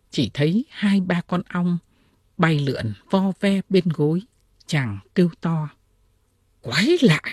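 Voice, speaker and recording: Low husky woman reading old tales. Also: no echo, studio quality. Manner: expressive, dramatic reading. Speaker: audiobook reader. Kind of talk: storytelling narration of classic tales.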